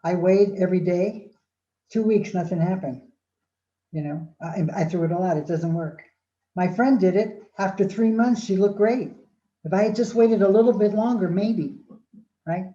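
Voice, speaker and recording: A woman's voice: medium pitch, normal speed, dark tone. An older woman giving a motivational talk, telling stories and acting out inner voices with sighs and restarts. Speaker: speaker giving a talk on aging well. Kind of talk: motivational talk with acted-out asides. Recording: dull roomy recording.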